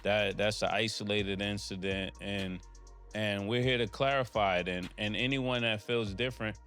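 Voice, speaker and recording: A man co-hosting a talk show, speaking conversationally in a measured, diplomatic way. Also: on the low side, steady tone, fairly bright tone, soft background music.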